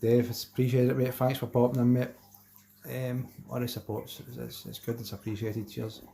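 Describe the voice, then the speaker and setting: Speaking at normal speed with vocal fry, a warm tone, medium pitch, and little pitch movement, a Glaswegian man chats on his fishing live stream. He reads viewer messages and replies in a rambling, matey fashion using colloquial Scots.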